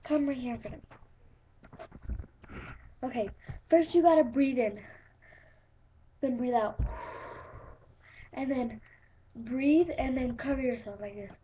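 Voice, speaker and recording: A woman's voice: high-pitched, a little slow, pauses often. A female host chatting casually and giving step-by-step instructions in a home how-to video. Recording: dull lo-fi home video with faint noise.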